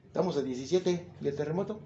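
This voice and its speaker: High-voiced Mexican preacher in an echoey room. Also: male voice, quick pace, dark tone, slight background noise. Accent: Mexican Spanish. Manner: chatty, jokes, asks the listeners questions. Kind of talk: informal Bible teaching to a congregation. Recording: echoey room, slightly dull sound.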